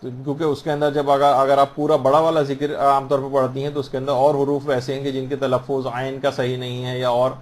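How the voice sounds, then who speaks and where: A man teaching the rules of prayer in a patient, explanatory way, repeating phrases and slowing down to model the correct pronunciation. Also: mid-range voice, monotone, a little hiss or hum. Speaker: religious teacher. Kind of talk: instructional talk on prayer rules.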